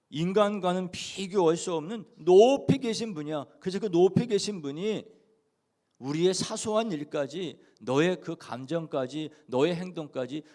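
A man preaching a dawn prayer sermon as pastor, swinging from soft asides to loud emphatic peaks and voicing the figures he quotes. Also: on the high side. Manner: voices scripture figures in direct speech.

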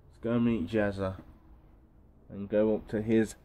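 A man's voice: lowish voice, little pitch movement, measured pace, warm tone, slight background noise. A young man chatting casually as a vlogger, walking outdoors and filming on a phone held at arm's length, in a laid-back, rambling way. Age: young adult. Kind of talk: casual vlog chat. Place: outdoors in gardens and allotments.

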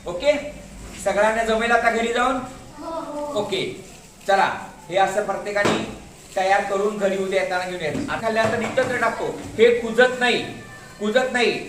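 In an echoey classroom, a man with a high-sitting voice demonstrates a craft at a moderate pace, leaving long pauses. He patiently repeats each step and calls his pupils to watch, over a noisy background and roomy room echo.

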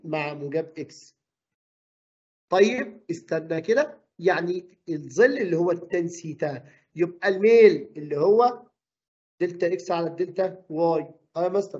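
Fast high-voiced Egyptian male teacher. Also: darkish tone, lo-fi sound. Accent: Egyptian Arabic. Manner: quizzes the class with quick questions. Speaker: physics teacher. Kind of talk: classroom lesson.

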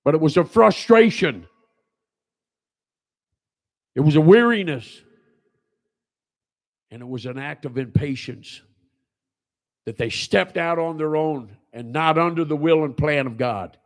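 Man in his sixties, pastor, emphatic sermon, repeated phrases, loud then low, small church. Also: animated, unhurried, pauses often. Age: 60s. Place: small church sanctuary, indoors.

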